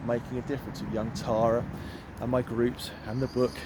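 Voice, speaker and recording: A man's voice: medium pitch, level tone, fairly quick. Man, middle-aged, coach, walking vlog, earnest, emphatic, repeats phrases, phone mic, outdoors, faint background noise. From United Kingdom. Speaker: empowerment coach. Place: outdoors in woods.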